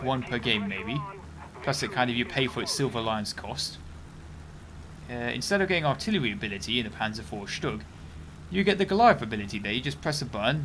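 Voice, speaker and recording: Give me a young man doing casual game-stream commentary, rambling and animated, with a very lively voice. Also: medium pitch. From United Kingdom. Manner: rambling, chatty, breaks off to react to the game.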